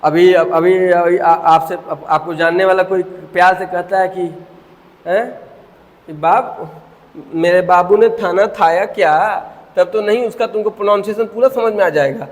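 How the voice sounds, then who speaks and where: A man's voice: high voice, fairly even intonation, moderate pace. A young man teaching a biology lecture, chatty and joking, calling his students "beta". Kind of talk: classroom lecture. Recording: reverberant classroom.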